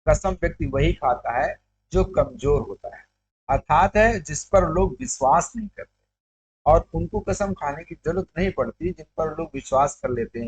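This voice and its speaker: A male teacher giving a poetry lesson, reciting lines of verse and then explaining them phrase by phrase, repeating words to make their meaning clear. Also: on the high side, darkish tone, slight background noise.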